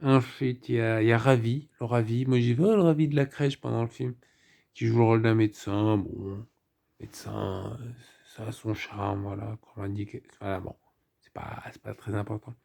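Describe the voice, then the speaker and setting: Male film reviewer, low gravelly voice with a mellow tone, rambly and wry. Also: fairly even intonation, normal speed. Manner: rambling, with ironic joking asides. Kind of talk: casual spoken film review.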